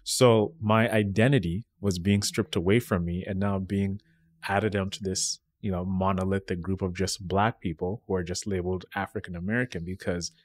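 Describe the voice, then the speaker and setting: Low-voiced Kenyan-born man, very dry sound. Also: fairly even intonation, normal speed, dry recording. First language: Swahili. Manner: reflective storytelling, frequent "right?" tags. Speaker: podcast guest. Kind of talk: casual podcast conversation.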